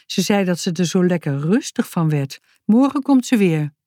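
A genial grown man from a children's storybook who hosts breakfast and hatches a sly plan, as a woman reads him. He talks in a friendly way, pausing now and then to find the right word. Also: fairly low pitch, lively intonation, warm tone, dry recording, clean studio sound, lightly acted. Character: kindly grown man, scheming and hospitable.

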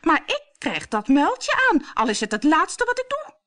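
A woman voicing a bossy, jealous young stepsister in a storybook reading, snapping loudly. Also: huge pitch swings, moderate pace, heavily acted. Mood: snappish jealous. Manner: loud, snapping, shrill.

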